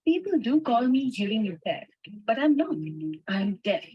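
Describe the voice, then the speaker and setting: Woman, translation voice-over for a signer; husky, a touch high, calm and plain, muffled video audio. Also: moderate pace. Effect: spoken translation voice-over for a signing person. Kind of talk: voice-over interpreting a first-person account. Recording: dull lo-fi sound from a played video.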